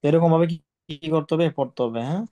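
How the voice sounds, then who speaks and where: A man's voice: on the high side, brisk, warm tone, no room sound, highs cut off. A man teaching Quran reading, drilling letter sounds over and over and sternly scolding pupils. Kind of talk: online class lesson, drilling letter sounds.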